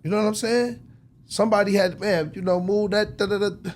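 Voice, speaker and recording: A man with a high, brisk voice and fairly even intonation plays a record executive in an interview. He's casual and passionate, pressing his point hard with plenty of slang and repetition in easygoing shop talk.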